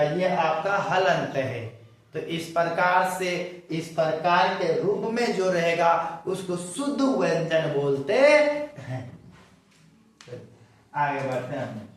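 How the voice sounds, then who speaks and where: A man's voice: on the high side, slight background noise. A man teacher giving a grammar lecture, asking his students questions and then answering them himself. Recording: echoey room, voice from a distance.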